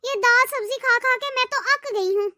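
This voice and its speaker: A woman's voice: very high voice, moderate pace, pushed and bright, dry recording, exaggerated voice. A woman voicing a spoiled young married woman in a cartoon who complains constantly. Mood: complaining. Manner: complaining, whiny.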